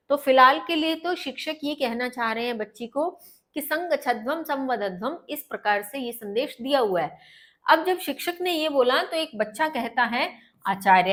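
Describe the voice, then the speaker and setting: A woman Sanskrit teacher, explaining a textbook lesson slowly, glossing each word and repeating it. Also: sits high, a bit bright.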